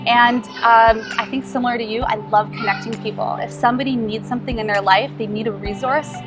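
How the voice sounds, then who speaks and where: A woman's voice: a little high, fairly even intonation, fast, music in the background. A woman startup co-founder answering interview questions in a friendly, earnest way, with frequent ums. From Philippines and Canada.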